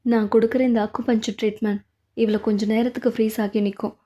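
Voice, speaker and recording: A calm, serious young male doctor, as a woman dubs him in a drama. His lines come out low, steady and commanding, though the voice underneath stays fairly high. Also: quick pace, close to an everyday voice. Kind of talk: fan dub of a drama.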